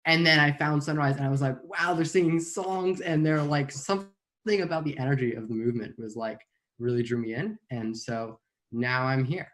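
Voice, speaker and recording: A man's voice: medium pitch, moderate pace, fairly bright tone. A teenage boy of fourteen answers questions as a guest. His talk is loose and casual, full of small fillers. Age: teens. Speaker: guest activist. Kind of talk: casual interview.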